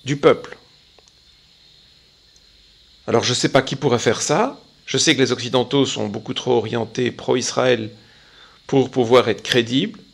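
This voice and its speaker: A man giving a measured, opinionated spoken commentary on current affairs, pausing often. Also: mid-range voice, vocal fry. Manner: measured, opinionated, with frequent pauses. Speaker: political commentator.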